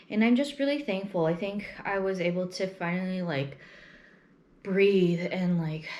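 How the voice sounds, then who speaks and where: A young woman with a slightly low voice talks casually as a vlogger to her audience. She is reflective and halting, often breaking off a thought and picking it up again from another side. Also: darkish tone. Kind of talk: casual personal chat to camera.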